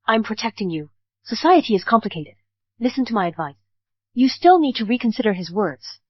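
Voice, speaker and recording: A woman dubbing a calm, protective mother who earnestly advises her daughter. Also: fairly high pitch, fairly quick, husky, no echo. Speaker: bride's mother. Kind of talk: English drama dub. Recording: dull dry studio dub.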